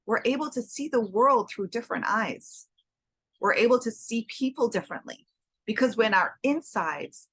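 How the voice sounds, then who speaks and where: A woman's voice: medium pitch, fairly bright tone. An earnest woman teaches a spiritual class in a mid-range voice, leaning on repeated words to drive her points home. Her voice sounds dry and close, with no room echo. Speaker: Torah teacher. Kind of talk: spiritual class on the Hebrew months.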